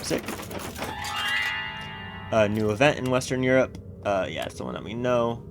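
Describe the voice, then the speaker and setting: A man's voice: medium pitch, expressive, moderate pace, music in the background. A man streaming a strategy game, thinking aloud about his moves and reading the game text aloud in a casual way. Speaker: let's play streamer.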